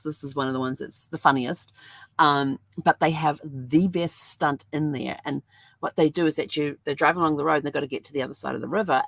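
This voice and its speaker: Low, gravelly-voiced woman chatting. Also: fairly bright tone, no echo. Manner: rambling, chatty storytelling with many fillers. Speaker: host. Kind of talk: casual chat.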